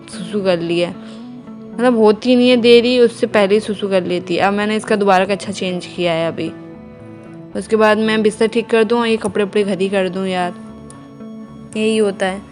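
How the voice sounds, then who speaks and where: A young woman from India, narrating her day at home casually to viewers while minding her baby. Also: medium pitch. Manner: chatty, homely, talks to viewers and baby. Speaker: vlogger mother. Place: home indoors.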